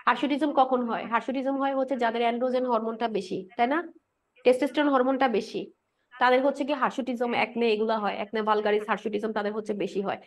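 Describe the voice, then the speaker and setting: A high-pitched woman lecturer races through a pharmacology class. She keeps asking the room questions, then answers them herself and repeats each point with a quick "right?". English drug and anatomy terms run all through her talk. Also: steady tone. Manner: mixes English medical terms into her speech. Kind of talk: explanatory lecture with quiz questions.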